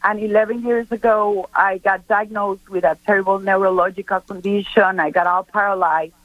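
A woman's voice: medium pitch, steady tone, normal speed, no room sound, narrow, tinny audio. Earnest middle-aged woman from Costa Rica. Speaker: guest speaker. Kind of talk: radio interview chat.

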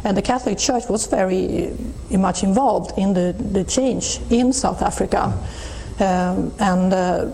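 A middle-aged woman with a Swedish accent recalls her past in a thoughtful, unhurried way, often restarting her sentences. Her voice sounds warm and mellow, at an ordinary pitch. A faint hiss sits under the recording. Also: vocal fry, rough recording. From Sweden. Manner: thoughtful, with frequent restarts and soft laughs. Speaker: interview guest. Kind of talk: reflective personal testimony.

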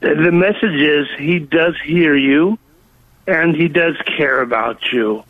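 A caller to a radio show, a man with a fairly high voice, speaks slowly over a tinny telephone line with no room sound. In his call-in testimony he tells a personal story, full of hesitations and ums.

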